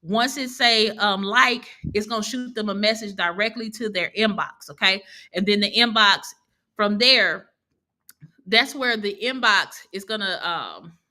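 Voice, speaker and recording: Bright-voiced chatty woman teaching. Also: mid-range voice, measured pace. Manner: chatty, laughs easily, corrects herself. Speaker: online course instructor. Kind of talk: casual live teaching over screen share.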